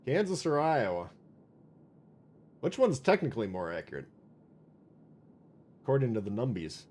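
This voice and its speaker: A man's voice: mid-range voice, very animated, moderate pace, darkish tone, husky. A man with a Minnesota accent hosting a live game stream, chatting casually, joking and reading viewer comments aloud. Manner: chatty, wisecracking, reads viewer chat aloud. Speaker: livestream gaming host.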